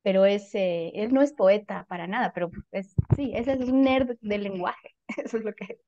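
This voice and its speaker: Woman writer, reflective interview guest, warm dry voice, self-correcting. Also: mid-range voice, moderate pace, dry recording, dull audio. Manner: thoughtful, animated, frequent fillers and self-corrections. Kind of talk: casual conversational interview.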